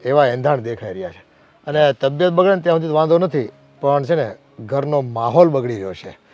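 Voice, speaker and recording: A man plays an earnest elderly uncle who worries about quarrels tearing the family apart. He talks in a pleading, heartfelt way. Soft music plays under his voice. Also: medium pitch, animated, a little fast, muffled recording, natural voice. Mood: worried.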